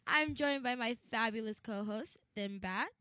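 A woman's voice: on the high side, moderate pace, bright, forceful tone, no room sound. Chatty woman talk show host, dry sound. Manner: chatty, laughs easily, some restarts. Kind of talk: casual chat.

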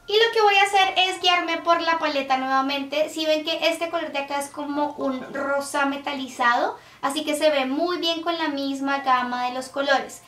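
A woman's voice: high-pitched, fairly bright tone. A young woman hosting a casual makeup tutorial, chatty and explaining step by step with lots of diminutives. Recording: echoey room, a bit distant, faint music.

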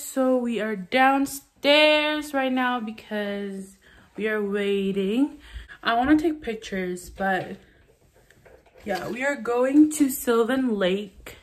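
A woman in her twenties with a Filipino accent, chatting casually on a vlog into a phone held at arm's length. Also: medium pitch. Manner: chatty, giggly, mixes Tagalog and English. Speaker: vlogger. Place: bedroom, then car and outdoors by a lake.

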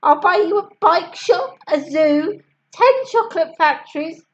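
Woman putting on a desperate storybook mum, high-pitched, rushed, pleading, dull lo-fi sound. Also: expressive. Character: frantic pleading mother bribing her daughter. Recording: dull lo-fi recording.

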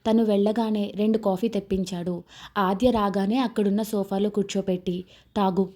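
A woman's voice: medium pitch, steady tone, a little fast, dark tone. A woman narrating a love story aloud, reading every character's lines in her own voice.

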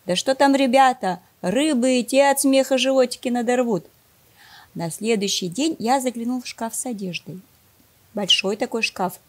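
A woman librarian reading a first-person children's story aloud in a lively, expressive way. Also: mid-range voice.

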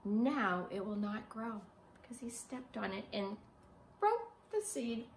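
A middle-aged preschool teacher sits on a sofa in a small living room, reading a picture book aloud with expressive, emphatic, child-directed delivery and asking young children simple questions. Her mid-range voice moves at a slow pace with some vocal fry. The home recording sounds roomy and carries a little hiss or hum.

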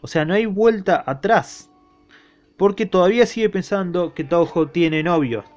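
A man's voice: high-pitched, moderate pace, darkish tone, faint music behind. A young man with an Argentine accent giving a casual spoken review of a manga, irreverent and slangy and swearing freely. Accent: Argentine Spanish. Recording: dull lo-fi recording.

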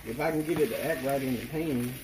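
This man speaks quickly in a mid-range voice with a Southern US accent, hosting a home cooking vlog from the stove. He's relaxed and talks straight to his viewers, though the background is noisy.

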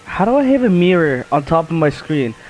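A man's voice: a little high, sing-song, fairly quick, a little mellow, slight background noise. Man mumbling gameplay reactions. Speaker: gamer. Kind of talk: casual gameplay commentary.

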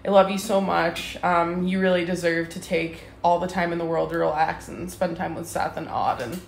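A woman giving a gentle, affectionate birthday video message. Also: lowish voice, level tone, moderate pace, gravelly. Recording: echoey room with faint hiss.

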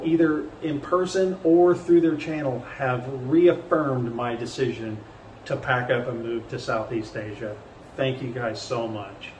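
A man's voice: mid-range voice, darkish tone. Wry man vlogging, distant roomy sound. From Indiana, USA. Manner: wry, dry humor. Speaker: travel vlogger. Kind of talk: casual travel vlog narration. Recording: roomy, distant mic with faint noise.

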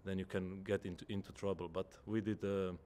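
Deep flat-voiced footballer. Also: male voice, a little fast, slight background noise. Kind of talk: post-match press conference answers. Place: indoor press room. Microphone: table microphone in front.

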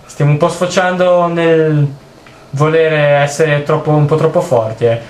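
A young man giving jokey, excitable let's play commentary while he plays, swearing often. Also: a little high, unhurried. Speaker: gaming video host. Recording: roomy with faint noise.

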